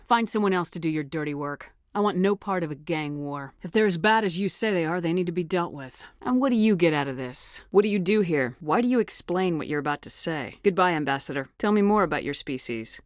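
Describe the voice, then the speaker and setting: A woman's voice: on the low side, dry recording, studio quality, close to an everyday voice. A woman playing a resolute, no-nonsense military space commander in video game dialogue, with a direct, authoritative and controlled delivery.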